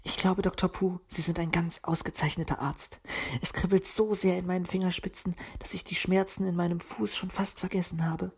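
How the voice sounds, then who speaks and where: A woman voicing a feisty, impatient young female elf in a storybook reading, with a sharp, snappy way of talking. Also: fairly low pitch, steady tone, moderate pace, breathy edge. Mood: tender.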